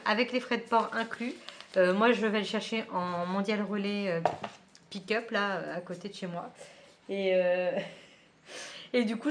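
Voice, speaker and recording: Woman, casual book vlog, chatty, lots of fillers, at home, faint background hiss. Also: mid-range voice. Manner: chatty, with many fillers and small laughs. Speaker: book vlogger. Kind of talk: casual unboxing chat.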